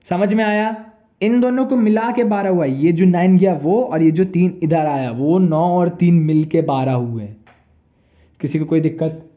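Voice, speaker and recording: A young man with an Indian English accent gives a casual recorded maths lecture, playfully acting out students' replies and teasing them. His voice sits high but mellow and soft-edged. The recording sounds slightly dull and lo-fi. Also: measured pace. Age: young adult. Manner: chatty, playful, plays imagined students back and forth. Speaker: maths teacher.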